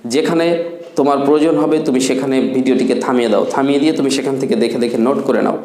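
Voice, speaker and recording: A man's voice: mid-range voice, fairly even intonation, darkish tone. Man teaching grammar in an echoey room. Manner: slow, drawn-out English example sentences between quick explanations; asks the class questions and answers them himself. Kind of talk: classroom grammar lesson.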